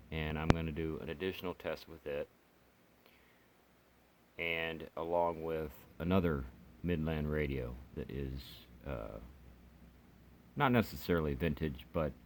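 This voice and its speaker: Slight background noise accompanies a very deep-voiced man reviewing gear as a hobbyist. He's casual and unscripted, halting and rambling with pauses while he explains.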